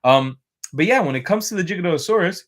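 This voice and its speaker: A man's voice: high-pitched, expressive, fast. Rambling, sleepy livestream host, man. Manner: chatty, rambling, frequent fillers and restarts. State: yawning, tired. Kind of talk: casual livestream chat.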